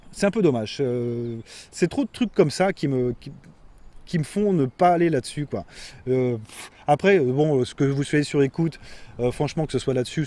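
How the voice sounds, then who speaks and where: A man's voice: mid-range voice, mellow. A man giving a casual, rambling product review, full of fillers and self-corrections. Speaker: tech reviewer.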